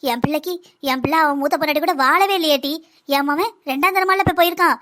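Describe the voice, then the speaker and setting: A woman voices a group of bickering village women in a cartoon. They speak quickly and in a high register, with a southern Tamil accent, and their manner is gossipy and scolding. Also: sharp tone. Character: village women bickering over a son's second marriage. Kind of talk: cartoon dialogue.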